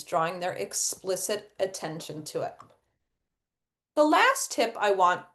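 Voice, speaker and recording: In a slightly bright, mid-range voice, a middle-aged woman runs an instructional webinar for educators. She walks through material step by step, raises questions she answers herself, and performs read-aloud examples.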